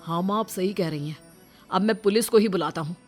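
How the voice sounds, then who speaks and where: A woman's voice: medium pitch, fairly quick, soft background music, close to an everyday voice. A woman voicing a young man of the family, anxious and pressing. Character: young husband, son of the family.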